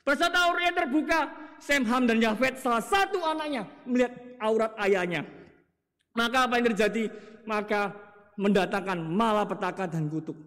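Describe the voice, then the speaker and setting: Male preacher, very high and animated, rhetorical questions, recorded in a reverberant church hall. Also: moderate pace. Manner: rhetorical questions, swings from loud to hushed; acts out quoted voices in his stories. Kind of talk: sermon.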